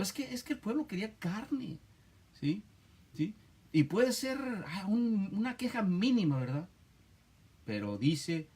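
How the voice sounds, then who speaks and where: A male preacher with a slightly raised pitch leads a Bible study sermon. He talks in short, emphatic bursts, repeating his points and tagging nearly every phrase with a question to the listener. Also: darkish tone, slightly rough. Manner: constant tag questions, emphatic and repetitive.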